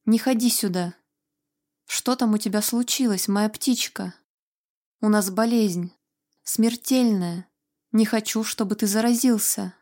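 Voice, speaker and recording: A woman's voice: mid-range voice, a little slow, darkish tone, close to an everyday voice. A woman reading an audiobook, voicing a frightened, tearful young woman who trembles, pleads and flares into anger. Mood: frightened, pleading. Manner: trembling and pleading, flaring into angry outbursts.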